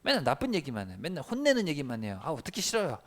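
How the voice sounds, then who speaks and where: A man's voice: a little high, huge pitch swings, very fast, a bit bright. A man voicing a middle-aged king who whines and complains, in a children's Bible lesson. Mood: grumbling.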